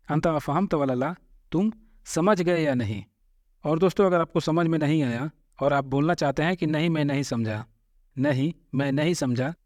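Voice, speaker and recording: A man teaching a spoken Arabic lesson. He says each phrase twice, slowly, then explains it word by word. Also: mid-range voice, darkish tone, no room sound, clean studio sound. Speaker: language teacher.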